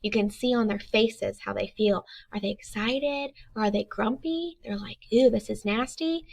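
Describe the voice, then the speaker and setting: A young woman teaching a reading lesson to young children, upbeat and animated, reading book lines slowly. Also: mid-range voice, creaky.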